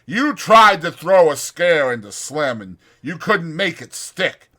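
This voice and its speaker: A man doing a mocking rough ranch hand. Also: fairly high pitch, very animated, takes it slowly, sharp tone, pitched above the performer's own voice, heavily acted. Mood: taunting. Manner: mocking, bullying.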